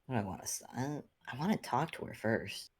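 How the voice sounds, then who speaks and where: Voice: mid-range voice, expressive, brisk, slightly rough, no room sound. A player in a casual tabletop role-playing game, laid-back and hesitant, thinking aloud.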